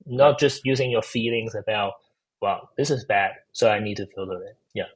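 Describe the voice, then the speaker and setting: This clip has poor audio of a male AI researcher with a Chinese accent, a guest in a laid-back technical interview. He answers at normal speed in a lowish, breathy voice, stumbling through plenty of fillers and restarts.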